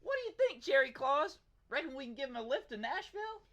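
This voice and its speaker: A woman playing a perky, excitable little Christmas elf sidekick with folksy talk. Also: high-pitched, fast talker, lo-fi sound. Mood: perky, excited.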